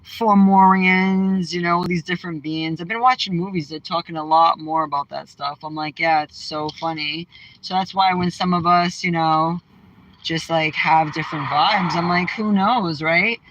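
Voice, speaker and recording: A woman's voice: fairly low pitch, steady tone, normal speed, fairly bright tone, lo-fi sound. A woman from Massachusetts hosting a casual livestream, bluntly firing back at viewers' comments from her car. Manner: brash, outspoken, trash-talking. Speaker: livestream host. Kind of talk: casual live chat reading comments.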